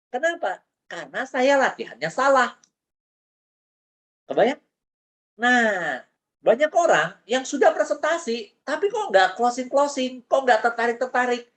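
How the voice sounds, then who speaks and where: A man who works as a business coach, giving an animated motivational training talk over a video call, full of rhetorical questions. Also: very high voice. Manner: animated, rhetorical questions, mixes in English phrases.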